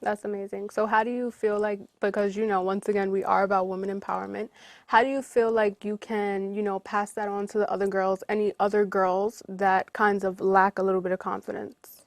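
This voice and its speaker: A woman hosting an interview show, upbeat and encouraging, asking quick follow-up questions. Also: medium pitch, level tone, no echo. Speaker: host. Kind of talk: casual interview.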